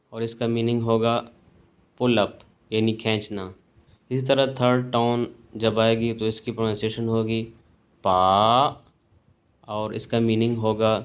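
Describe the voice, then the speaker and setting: A man teaching a language lesson in a calm, measured way, clearly spelling out each sound. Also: medium pitch, lo-fi sound. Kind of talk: slow explanatory lesson.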